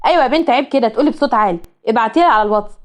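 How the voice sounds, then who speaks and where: An eager young man, voiced by an Egyptian woman teases and presses in a quick, playful tone, in a storybook drama. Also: a little high, natural voice. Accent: Egyptian Arabic. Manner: teasing, eager.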